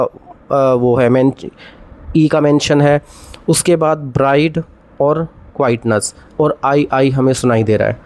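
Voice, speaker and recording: A man teaching English literature, explaining poetic devices step by step, reading poem lines aloud slowly and often checking that students follow. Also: medium pitch, darkish tone. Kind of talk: classroom lecture on poetic devices.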